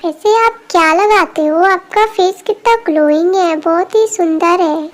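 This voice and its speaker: A woman voicing a stubborn, sulky little girl in an amateur fan dub, with a slow, pouty, childish way of talking. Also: very high-pitched. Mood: pleading.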